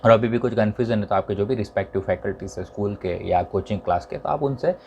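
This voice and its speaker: A man's voice: on the low side, fast, gravelly, a little mellow, lo-fi sound, a little hiss or hum. Methodical male teacher listing syllabus items. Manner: methodical, lists items to tick or cancel; mixes English terms into Hindi. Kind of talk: exam syllabus walkthrough.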